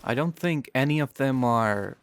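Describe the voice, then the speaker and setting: A man's voice: medium pitch, lively intonation, a little slow, clean tone. A man narrating a scripted video essay as a game reviewer. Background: music.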